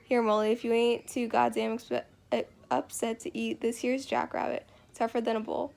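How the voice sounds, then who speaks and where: A woman's voice: fairly high pitch, flat delivery, normal speed, gravelly, darkish tone. A woman reading the lines of a blunt, plainspoken young man just out on parole, in a drawling rural dialect. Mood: eager.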